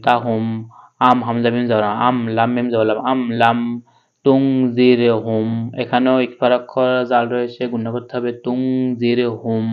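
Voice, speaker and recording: A man teaching Quran reading letter by letter, spelling each syllable and then chanting the verse slowly. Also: medium pitch, clean tone, dull audio.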